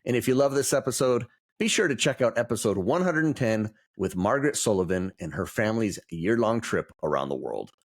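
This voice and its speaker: A man's voice: on the low side, animated, a little fast. A man hosting a travel podcast, reading his intro and welcoming a guest in an enthusiastic, friendly way. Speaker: podcast host. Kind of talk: upbeat podcast intro and interview.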